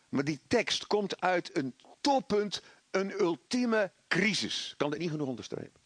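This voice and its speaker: A middle-aged man preaching a sermon, animated, acting out voices of doubt and the devil. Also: on the high side, no room sound.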